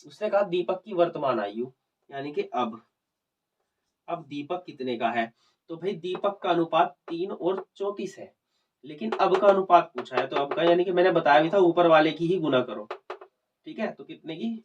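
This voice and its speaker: A man's voice: fairly high pitch, animated, normal speed, far from the mic, lo-fi sound, a little hiss or hum. A man explaining maths problems step by step in a video lesson, conversational and often checking whether the students follow. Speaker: maths teacher.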